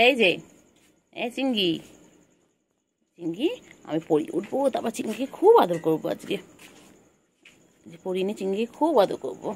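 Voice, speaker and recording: A woman's voice: medium pitch, a little mellow. A woman talking baby talk to her pet cat at home, cooing and repeating pet names.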